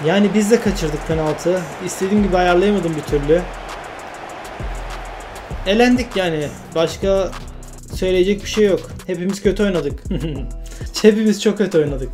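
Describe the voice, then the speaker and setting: A man commenting on his own football video game career, getting worked up and yelling at his teammates when plays go wrong. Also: sits high, moderate pace, music in the background. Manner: excitable, shouts at his teammates, groans when things go wrong. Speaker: gaming YouTuber.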